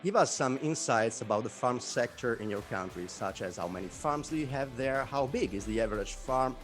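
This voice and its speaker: A man hosting a jury interview over a video call, upbeat and lively in his introductions. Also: medium pitch, brisk, music in the background.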